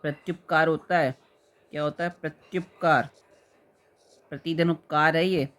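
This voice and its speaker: A man teaching a spelling lesson for exam students, with a voice pitched a bit above most men's. He explains patiently, says each word slowly more than once and keeps checking that his students are following. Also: steady tone, a bit bright.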